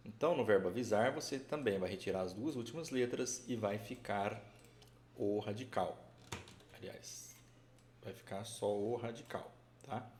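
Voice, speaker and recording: A man's voice: on the low side, normal speed, darkish tone. A man giving a casual live grammar class, chatty and full of check-ins, often restarting his sentences as he explains. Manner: chatty, keeps checking understanding with "tá?" and "né?"; restarts and self-corrections while explaining. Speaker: Portuguese grammar teacher. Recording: echoey room with faint background noise.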